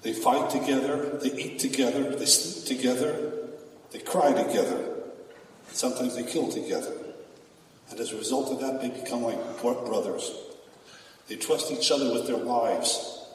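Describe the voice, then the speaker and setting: A rabbi giving a sermon in emphatic preaching that swings from calm to loud, recorded from a distance in a large hall. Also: male voice, medium pitch, normal speed, pauses often, a little hiss or hum. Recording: echoey hall, far from the mic.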